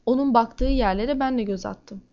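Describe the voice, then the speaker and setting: A woman reading a first-person crime novel aloud in a steady, measured way. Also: fairly high pitch, dull audio. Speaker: audiobook narrator.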